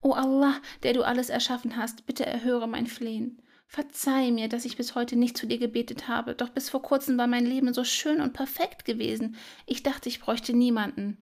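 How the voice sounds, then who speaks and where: A woman voicing a proud little female spider who pleads in a high, earnest voice in a children's audio story. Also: fairly even intonation, normal speed, creaky, darkish tone. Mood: pleading.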